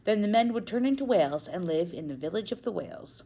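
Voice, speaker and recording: A woman voicing a curious, excitable young girl in a storybook reading. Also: mid-range voice, fast, gravelly, pitched above the performer's own voice. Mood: eager.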